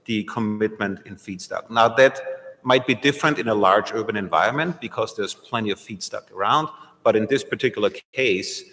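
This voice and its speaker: A man explaining as a panelist, measured and a bit hesitant, in a large reverberant room. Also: on the low side, bright, forceful tone. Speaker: panelist from a project developer. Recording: echoey hall with long reverb.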